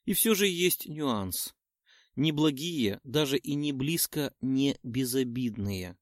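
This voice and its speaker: A sly fairy queen speaks with a mocking, self-satisfied air, as a man raises his voice to play her in an audiobook. Her lines rise and fall with lively pitch. The recording is close and dry. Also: takes it slowly, no echo. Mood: amused, scheming. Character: proud scheming woman, queen of summer.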